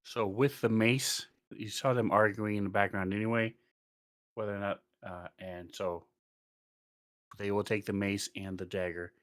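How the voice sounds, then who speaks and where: A man's voice: lowish voice, steady tone, normal speed. A man casually talking as game master of a tabletop game, explaining things in a matter-of-fact way.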